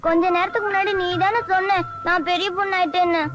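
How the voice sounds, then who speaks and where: A sharp-tongued village girl. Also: extremely high pitch, fairly even intonation, quick pace, muffled recording. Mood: retorting. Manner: retorting, indignant. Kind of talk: film comedy acting.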